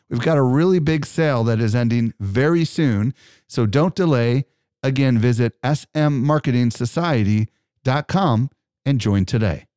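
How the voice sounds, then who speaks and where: A man's voice: mid-range voice, a little mellow. An enthusiastic male podcast host with a mid-range voice, speaking into a studio mic. The sound is dry and close, with no room echo. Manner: upbeat, enthusiastic. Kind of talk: podcast interview and read ad.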